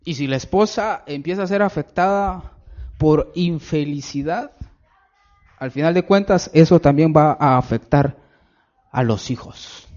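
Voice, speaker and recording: A preacher with a high voice delivers an emphatic sermon. He draws out stressed phrases and sinks low for asides to his listeners. The recording sounds dull and lo-fi. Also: measured pace, a little mellow.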